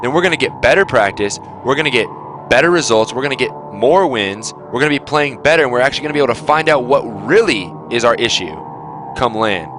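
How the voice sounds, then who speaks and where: A man's voice: medium pitch, lively intonation, fast, background noise. A young man giving his gaming team a blunt, lecturing talk on their attitude, swearing freely. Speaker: team captain.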